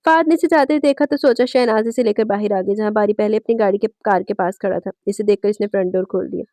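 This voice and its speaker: A woman narrating a romance novel aloud, with a steady storytelling manner and small self-corrections. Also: medium pitch, fast, no room sound. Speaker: audiobook narrator.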